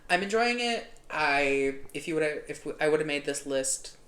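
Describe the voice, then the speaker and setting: A young adult co-hosting a podcast in halting casual talk with many ums and restarts. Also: mid-range voice, animated, fairly bright tone. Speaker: podcast co-host. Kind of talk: casual chat. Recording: roomy echo with faint background noise.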